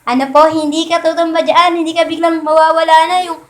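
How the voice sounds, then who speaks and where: A woman's voice: very high-pitched, little pitch movement, a little fast, fairly bright tone. A woman from the Philippines preaching a sermon in a chatty way, often asking her listeners "di ba?" and acting out quotes. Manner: conversational, asks "di ba?" often, acts out quotes.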